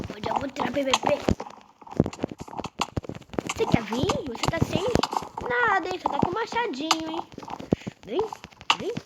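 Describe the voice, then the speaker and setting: A woman with a Brazilian Portuguese accent giving live gameplay commentary, impatient and repeatedly urging things along. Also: sits high. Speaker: gameplay youtuber. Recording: loud background noise.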